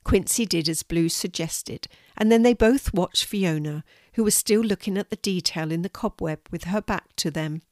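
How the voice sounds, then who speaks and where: Older woman, storyteller; gentle, lower voice, dry close recording. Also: normal speed, hardly any pauses, dry recording. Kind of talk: children's story reading.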